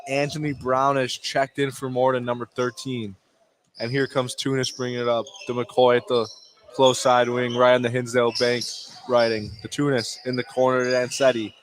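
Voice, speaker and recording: A man calls a basketball game live on radio from an indoor gym, speaking in clipped short phrases and exclaiming on big plays. His mid-range voice has little pitch movement and normal speed, over noisy gym ambience with a bouncing ball.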